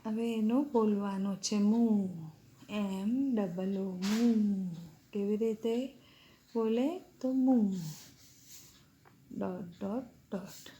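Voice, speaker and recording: A woman teacher slowly dictating an English vocabulary lesson to children, spelling words out letter by letter. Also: mid-range voice, mellow, a little hiss or hum.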